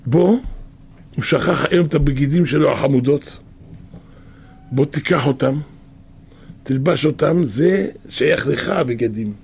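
A man voicing a caring mother giving quiet instructions to her son in a retold story. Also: medium pitch, pauses often. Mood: instructing. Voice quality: raspy.

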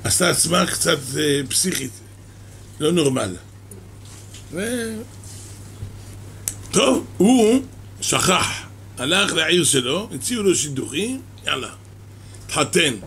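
Male Torah teacher, unhurried storytelling lesson, high and bright tone. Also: big pitch swings, vocal fry, slight background noise. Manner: slow, measured, storytelling delivery.

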